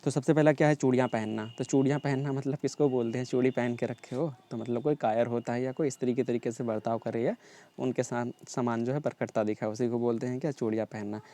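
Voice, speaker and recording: A man teaches an exam-prep lesson in a mellow, darker voice. His pitch sits at an ordinary middle level. He drills synonyms and idioms by repeating them in lists, checking in with his students again and again. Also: fairly even intonation, fast talker. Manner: repetitive drilling, frequent "ठीक है" check-ins.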